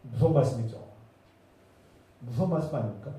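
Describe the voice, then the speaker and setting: A man's voice: medium pitch, brisk, mellow. A man preaching a sermon as pastor, impassioned and emphatic, building his points through repeated phrases. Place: church sanctuary. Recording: echoey hall, voice from a distance.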